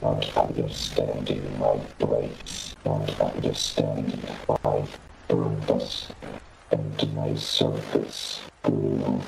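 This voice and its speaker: A man voicing a small, newly sentient male robot through a deep mechanical filter, in a gravelly, half-whispered, solemn and introspective manner. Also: monotone, extremely slow, music in the background, exaggerated voice, rough recording.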